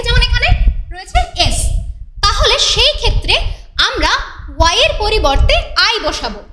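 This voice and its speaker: A woman teaching an English grammar lesson to students, explaining rules patiently step by step and asking the class questions. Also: extremely high pitch. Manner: reads English example sentences slowly. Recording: echoey room with faint noise.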